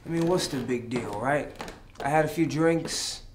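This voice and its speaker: A man's voice: fairly high pitch, moderate pace, slight background noise, lightly acted. A man playing a blustering drunk husband. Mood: defiant. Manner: slurring bluster that flares into shouting. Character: hot-tempered drunk husband, blustering and defensive. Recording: echoey room, distant mic.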